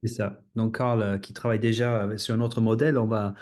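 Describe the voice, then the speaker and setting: A man hosting a podcast in a casual, halting way, often restarting his phrases. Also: on the low side, level tone, a little mellow. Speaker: podcast host.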